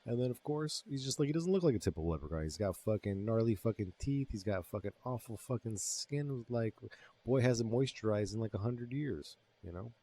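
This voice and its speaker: A man's voice: medium pitch, lively intonation, brisk, warm tone. A man co-hosting a podcast, retelling a horror film's plot in casual, profanity-laced chat. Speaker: podcast co-host. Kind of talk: casual movie-recap chat.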